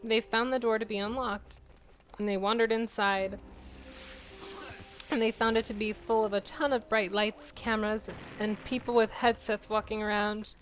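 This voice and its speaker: Her delivery flat and moderately paced at a medium pitch, a young co-host of a gameplay video reads a crude fan story aloud and keeps dissolving into giggles. Faint music plays behind her, and the audio is poor.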